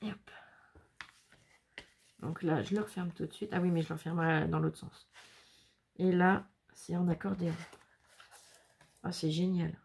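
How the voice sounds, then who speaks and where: A woman's voice: fairly low pitch, steady tone, unhurried, creaky, pauses often, a little mellow. A woman chatting casually as she unboxes handmade scrapbook albums, exclaiming and laughing often. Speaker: scrapbooking vlogger.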